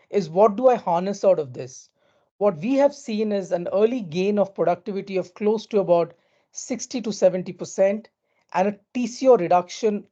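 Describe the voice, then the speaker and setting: A woman's voice: on the low side, mellow. A woman with a polished, posh Indian accent, formally presenting and introducing guests as an event host. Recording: dull, lo-fi audio.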